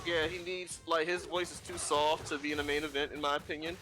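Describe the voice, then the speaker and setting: A man's voice: fairly high pitch, flat delivery, fast talker, over music. A man in casual chat while playing a video game, rambling with lots of fillers and restarts. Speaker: guest.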